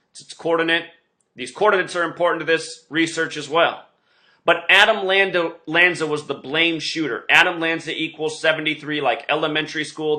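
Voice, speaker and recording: With a slightly high, bright voice and a forceful tone, a man running an online show pushes through an emphatic, meandering, insistent monologue.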